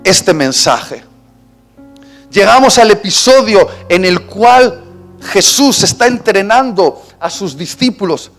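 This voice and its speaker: A Spanish-accented male pastor delivers a sermon with a high, bright-pitched voice. He tells the story theatrically, dropping to hushed tones and rising to shouts, while soft music plays faintly behind him in the church. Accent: Spanish (Spain). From Spain. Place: church auditorium.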